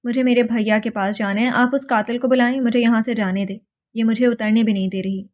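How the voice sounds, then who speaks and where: A woman's voice: fairly high pitch, steady tone, a little mellow, close to an everyday voice. A woman voicing a stubborn, frightened young woman held captive, pleading and defiant by turns.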